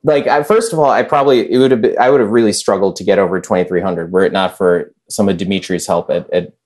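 A man's voice: low-pitched, steady tone, fast talker, a little mellow. A young man chatting as a podcast guest, rambling with lots of filler words. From United States. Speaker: podcast guest, chess master. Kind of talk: casual conversation.

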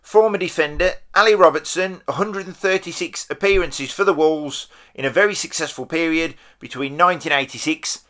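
A man's voice: a little high, fairly quick, few pauses, fairly bright tone. A man hosting a podcast and casually interviewing a guest.

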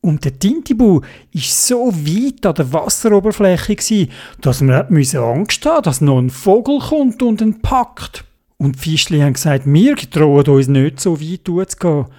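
A storyteller with a Swiss German accent, slowly reading a children's story aloud in a sing-song way. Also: mid-range voice, very animated, a little mellow.

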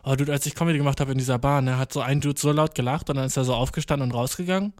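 A young man doing a rambling comedic monologue, full of swearing and English slang, jumping from mumbled asides to excited outbursts. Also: mid-range voice, racing, no room sound, clean studio sound. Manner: slangy, profane, mixing English words into German; jumps from deadpan mutters to excited outbursts.

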